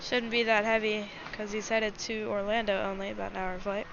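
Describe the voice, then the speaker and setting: A woman's voice: medium pitch, level tone, brisk, creaky, fairly bright tone. A woman hosting a livestream, giving casual, chatty live commentary and speaking directly to her viewers. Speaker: livestream host. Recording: dull lo-fi mic with faint noise.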